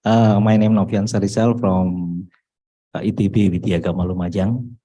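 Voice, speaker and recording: A man's voice: on the low side, fairly even intonation, normal speed, mellow. A man giving a short formal introduction.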